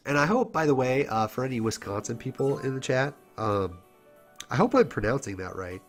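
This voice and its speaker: Stuffed up from a cold, this esports commentator gives casual solo play-by-play of a fighting game tournament over game music. His medium-pitched voice is animated and fairly quick, and his chatty delivery is packed with fillers and little laughs.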